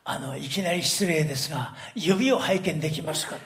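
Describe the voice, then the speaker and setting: A man voicing a polite, calm older yakuza boss who speaks formally and boasts quietly. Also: on the high side, brisk, voice pushed down, natural voice.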